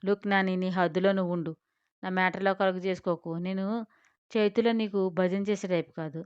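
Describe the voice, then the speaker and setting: Woman doing proud defiant young woman, sharp retorts, smooth clear tone, dull lo-fi sound. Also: fairly low pitch, steady tone, a little fast, no echo, close to an everyday voice.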